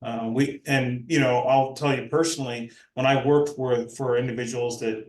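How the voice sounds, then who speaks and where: Measured older man in a roomy space. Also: medium pitch, fairly even intonation. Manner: measured, reflective. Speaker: professor. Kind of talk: academic discussion. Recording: roomy echo.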